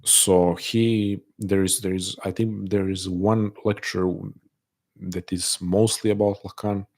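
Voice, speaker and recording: This livestream host, whose first language isn't English, has an accent often mistaken for Russian. He answers chat slowly and softly through a desk microphone, his very low, steady-pitched voice hesitating and frequently starting sentences over.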